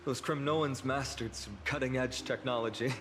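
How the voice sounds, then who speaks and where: An actor playing an earnest, kind young male hero in a video game, reflective and gentle. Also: mid-range voice, normal speed, lightly acted. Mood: wistful. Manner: reflective, gentle, self-deprecating. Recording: long reverb with game music.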